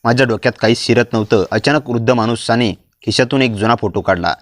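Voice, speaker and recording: A man giving a steady, dramatic first-person narration of a story. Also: mid-range voice, a little fast, dry recording.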